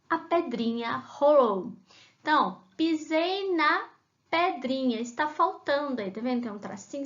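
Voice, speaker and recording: A woman's voice: sits high, fairly bright tone, lo-fi sound. A woman teacher talking children through a worksheet in a remote class, patient and sing-song when she reads the rhymes aloud.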